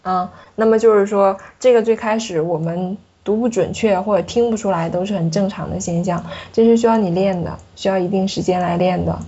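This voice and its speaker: A woman's voice: medium pitch, brisk, few pauses, mellow, slightly rough, lo-fi sound. A woman explaining French pronunciation patiently, demonstrating sounds in a lesson. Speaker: French teacher.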